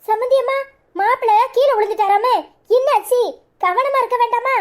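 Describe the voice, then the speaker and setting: A woman's voice: extremely high pitch, fairly even intonation, normal speed. A woman voicing a proud, indignant older in-law in a cartoon, issuing cursing warnings in a Tirunelveli Tamil accent. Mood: worried. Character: proud indignant older mother of the absent wife.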